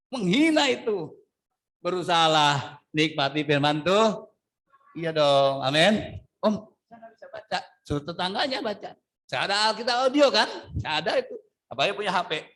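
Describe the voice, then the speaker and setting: A man preaching a lively sermon, joking, acting out little scenes and calling on the congregation to answer. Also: high voice. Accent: Indonesian. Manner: animated, jokey, acts out little scenes, calls on congregation. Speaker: pastor.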